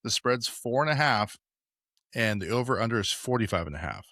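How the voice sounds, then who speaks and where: A man's voice: mid-range voice, lively intonation, fairly quick, bright, forceful tone, dry recording, clean studio sound. A young man hosting a casual sports podcast, talking loosely with lots of fillers and restarts. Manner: rambling, many fillers. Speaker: podcast host.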